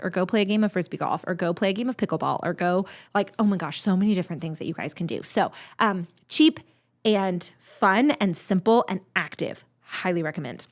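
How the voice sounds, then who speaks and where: A woman giving conversational advice to viewers in an earnest, encouraging and emphatic way, like an online video presenter. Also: fairly low pitch. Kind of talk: conversational advice talk to camera.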